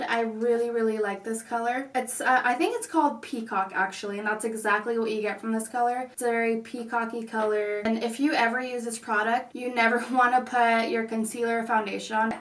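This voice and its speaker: A woman's voice: fairly high pitch, a bit bright. A woman hosting a casual makeup tutorial, speaking with slightly odd, constrained articulation. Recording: echoey room, distant mic.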